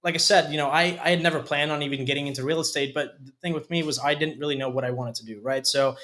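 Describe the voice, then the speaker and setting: Young man from Hungary, halting speech. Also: fairly high pitch, fairly even intonation, bright, forceful tone. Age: 20s. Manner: hesitant, many fillers and restarts. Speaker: company COO, guest. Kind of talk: casual interview talk. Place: studio.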